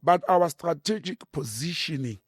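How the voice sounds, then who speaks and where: South african guy talking politics, a bit high voice, dry studio sound, emphatic. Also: normal speed, breathy edge, no room sound. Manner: animated, emphatic, repeats words when starting a point. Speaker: political commentator. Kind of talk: political talk show discussion.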